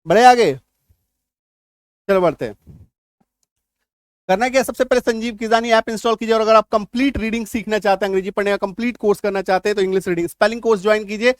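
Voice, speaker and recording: A male English teacher covers spelling rules in a spoken-English lesson, speaking fast in a high, steady-toned voice and pausing often. He repeats each point and keeps asking questions to make sure the class follows. The audio is dry and close, with no room sound.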